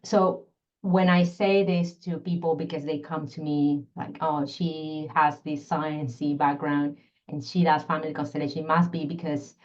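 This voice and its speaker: Woman, Peruvian accent, low voice, thoughtful and explanatory, dull video call sound. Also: little pitch movement, normal speed, a little mellow. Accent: Peruvian Spanish. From Peru. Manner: thoughtful, explanatory, searching for words. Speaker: guest, constellation facilitator and scientist. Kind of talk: podcast interview.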